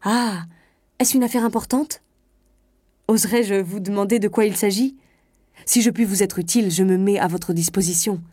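A woman reading a story aloud, voicing a pompous, self-important male state official who talks loudly and eagerly. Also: mid-range voice, moderate pace, pauses often, slightly rough, dry recording, studio quality, natural voice. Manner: boastful, bossy, loud and eager.

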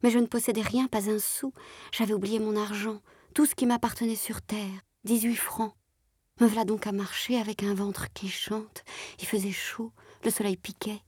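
A woman's voice: mid-range voice, fairly even intonation, normal speed, husky, dry recording, clean studio sound, natural voice. A woman whispering as a worn young streetwalker. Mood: hushed confiding. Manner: hushed, confiding, rustic speech. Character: young worn Parisian streetwalker, a former country servant girl. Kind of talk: whispered role-play.

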